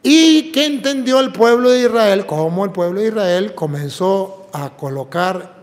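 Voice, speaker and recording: A priest preaches with a high, bright-sounding male voice, driving each point home with emphatic explanations and rhetorical questions. His words ring out with a long reverberant tail from the church around him. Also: lively intonation, a little slow. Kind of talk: preaching and apologetics dialogue.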